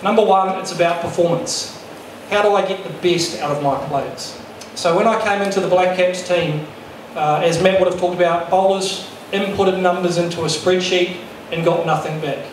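A middle-aged man presenting to a workshop as a fast bowling coach, candid and self-deprecating, speaking into a handheld microphone in a lecture room. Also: sits high, steady tone. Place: large lecture room with projector. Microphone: handheld mic. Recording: echoey room, distant sound, faint noise.

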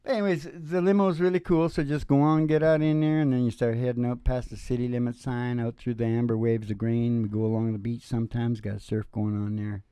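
A little fast and with hardly any pauses, a man in his sixties speaks in a flat, mid-range, dark voice that is clear and resonant, with no echo. He's a musician and show host on a small curtained indoor stage, close to a stand mic, with live acoustic guitar picking behind his laid-back, folksy, rambling banter that trails off into asides.

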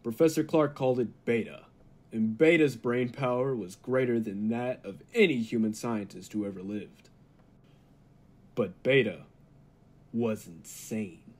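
With a medium-pitched, unhurried voice close to everyday speech, a man portrays an eager, unflinching lab scientist in an old-time radio play. The character's dramatic explanations carry an earnest, ominous mood.

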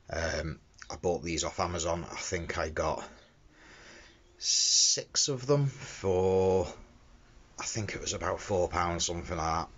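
The voice is low, fairly bright and a touch breathy: a middle-aged window cleaner showing how a fitting works. He talks casually, as tradesmen do, on a handheld phone recording made in a tight enclosed workspace, and the sound is dull with background noise.

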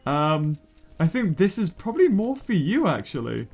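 A young British man giving casual gameplay commentary in a goofy, jokey, excitable way. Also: fairly high pitch, moderate pace, faint music behind. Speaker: gaming YouTuber.

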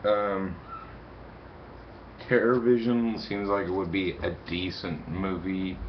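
A young man talks into a webcam in a small room, his voice deep and slow. He rambles, stumbling and repeating words as he reads aloud. The sound is dull and lo-fi, with faint noise underneath. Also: flat delivery. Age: young adult. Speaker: video reviewer. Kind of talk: casual to-camera review.

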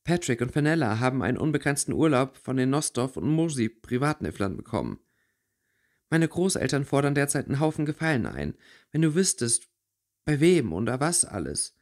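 A man's voice: mid-range voice, big pitch swings, a little fast. A man voicing a worried, caring teenage schoolgirl in a read-aloud fantasy fanfiction audiobook. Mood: worried chatter. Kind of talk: audiobook character voice.

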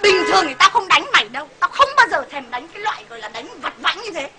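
A woman playing a coarse, bullying husband who shouts threats at his wife in a comedy sketch. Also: very high voice, very animated, fast, heavy background noise. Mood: ranting.

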